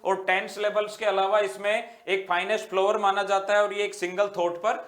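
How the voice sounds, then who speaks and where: A male teacher giving an exam-prep literature lesson, dictating English phrases slowly and repeating them, then explaining and quizzing students warmly as "beta". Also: sits high, flat delivery. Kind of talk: online exam-prep lecture. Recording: roomy echo.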